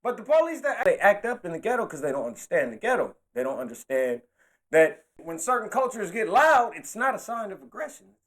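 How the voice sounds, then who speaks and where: A man delivering an impassioned monologue to camera, animated and slangy, talking with his hands. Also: high voice, a little fast. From California. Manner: animated, preachy, slangy street talk, gestures while talking. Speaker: political commentator.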